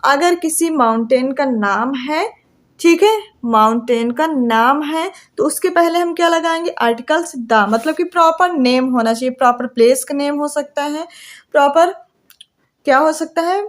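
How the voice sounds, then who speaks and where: High-voiced woman teaching with a Hindi accent. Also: a little slow. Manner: repeats questions and answers them herself. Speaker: English grammar teacher. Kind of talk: classroom lecture.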